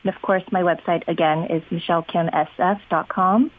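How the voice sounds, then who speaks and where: A woman real estate agent calling in to a radio show over a landline phone, chatting upbeat and pitching a listing. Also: steady tone, a little fast. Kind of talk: casual radio phone-in chat. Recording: tinny phone line with clear line noise.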